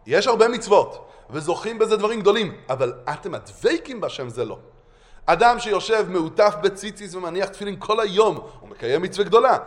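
Man, Torah lecture, high voice, very lively pitch. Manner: animated, emphatic, with many restarts. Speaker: rabbi.

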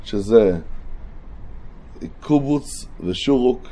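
A man teaching a religious text in a lesson, with a mellow voice. He works through the material step by step and keeps checking that his listeners follow. Now and then he stops to think aloud and recall a term. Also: medium pitch, lively intonation.

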